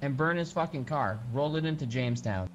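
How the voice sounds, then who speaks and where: A man's voice: medium pitch, a little fast. Brash, joking man in casual game role-play; swears freely; dull lo-fi sound, faint hiss. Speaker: streamer playing a character.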